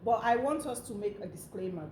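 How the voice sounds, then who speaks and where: A woman's voice: mid-range voice, lively intonation, a little fast, darkish tone. A woman co-hosting a casual chat, talking with frequent fillers. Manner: chatty, many fillers. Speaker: co-host. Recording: echoey room, faint noise.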